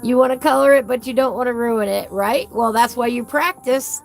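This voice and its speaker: Female casual vlog host, fairly high voice with a whistle on her S's, folksy and gushing, faint music behind. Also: fairly even intonation, moderate pace, creaky. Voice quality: whistling S sounds. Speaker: host of a coloring book channel. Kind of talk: casual live chat while flipping through a book.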